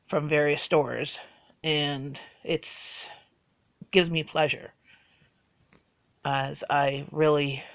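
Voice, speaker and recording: A woman's voice: low-pitched, muffled recording. A woman, chatting casually through a list of facts about herself and rambling with fillers. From Bahamas. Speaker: vlogger.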